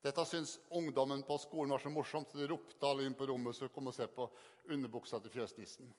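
An older man giving an earnest, halting personal testimony to an audience, often repeating words for emphasis. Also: medium pitch, level tone. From Northern Norway. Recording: long hall reverb.

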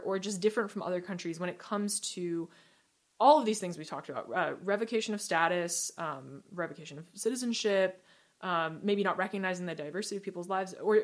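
Reflective woman podcast host from Morocco. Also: on the low side. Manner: reflective, repeats words when starting. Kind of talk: podcast interview.

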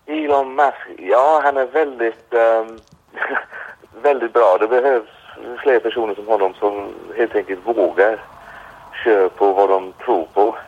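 A man's voice: fairly low pitch, fairly even intonation, darkish tone. A middle-aged man from England with an English accent, a caller on speakerphone, answering hesitantly with many fillers. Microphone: phone on speaker. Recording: muffled phone on speakerphone.

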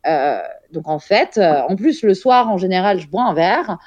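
A woman's voice: medium pitch, lively intonation, normal speed, darkish tone, no echo, highs cut off. A young woman, a mother, telling a story frankly and vividly in a casual interview, swearing now and then. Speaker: guest, mother.

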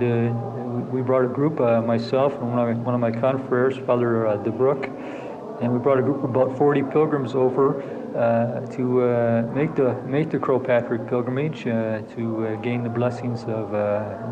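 A man who is a priest gives a halting, hesitant interview answer. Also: medium pitch, little pitch movement. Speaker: priest leading pilgrimage. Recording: dull, noisy location recording.

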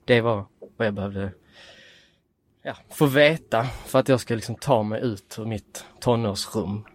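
A man in his late twenties, a podcast guest, telling a story in a lively, casual way and acting out quoted dialogue. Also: fairly low pitch.

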